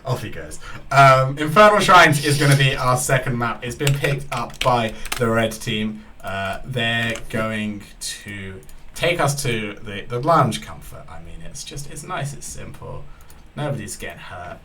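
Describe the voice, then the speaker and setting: A man's voice: medium pitch, animated, measured pace, pushed and bright, recorded from a distance, a little hiss or hum. A Scottish man casting a live esports match, talking casually with dry, self-deprecating humor about being tired. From Scotland. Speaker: esports caster.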